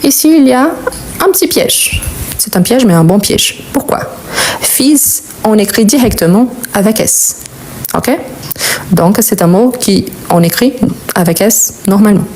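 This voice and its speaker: A woman's voice: medium pitch, expressive, measured pace, a little mellow, slight background noise. A woman teaching a live French grammar lesson, explaining patiently and repeating key words.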